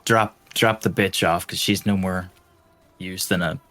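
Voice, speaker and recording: A man's voice: deep voice, steady tone, a little slow, a bit bright, dry recording, soft background music. A man playing a tabletop role-playing game, talking casually through his character's moves and questions.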